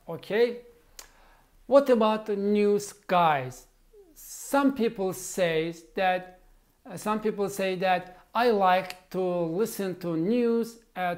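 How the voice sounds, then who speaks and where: A woman in her forties, not a native English speaker, giving casual language-learning advice in an unhurried, hesitant way with frequent fillers and restarts. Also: fairly low pitch, darkish tone. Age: 40s. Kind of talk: casual advice talk to camera.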